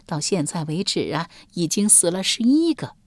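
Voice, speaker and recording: A woman reader voicing a kindly elderly woman servant, speaking slowly and motherly with sighs, as an audiobook character. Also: lowish voice, very animated, dry recording. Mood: confiding. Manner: slow, sighing, motherly.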